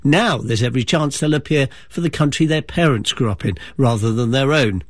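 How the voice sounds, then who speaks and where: A man presenting radio news and interviewing a guest, measured, clear and conversational. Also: mid-range voice, no room sound, studio quality.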